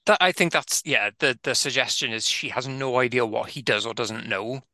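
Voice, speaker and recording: A man with a South Wales accent talks films on a podcast in a bright, forceful voice. The recording is close and dry. He rambles, swears and laughs often. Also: mid-range voice, moderate pace, no room sound. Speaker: podcast co-host. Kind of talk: casual film-review chat.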